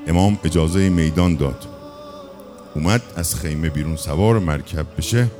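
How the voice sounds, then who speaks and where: Impassioned male mourning preacher. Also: a bass voice. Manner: impassioned, half-chanted lament. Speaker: religious eulogist. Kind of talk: mourning sermon recital. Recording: music playing underneath.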